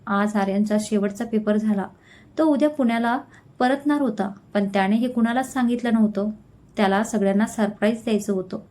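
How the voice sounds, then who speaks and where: A woman storyteller reading a narrated story in a steady, clear way. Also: mid-range voice, a little fast.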